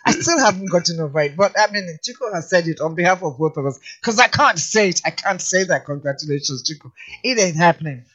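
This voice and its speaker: High-voiced man co-hosting radio. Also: fast, lo-fi sound. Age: 50s. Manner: teasing and animated. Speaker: radio co-host. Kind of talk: casual radio banter.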